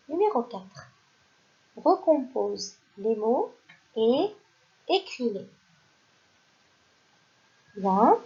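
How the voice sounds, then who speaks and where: A woman teaching a recorded reading lesson to young children, speaking slowly and carefully and praising the class. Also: a little high, warm tone, dull audio. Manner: slow, carefully articulated, praising. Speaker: primary school teacher.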